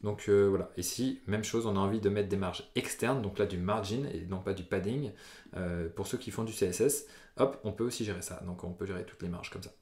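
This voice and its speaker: A man hosting a casual software tutorial, chatty and upbeat with frequent filler sounds as he talks through his screen. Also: on the low side, fairly quick, echoey room. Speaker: WordPress tutorial host.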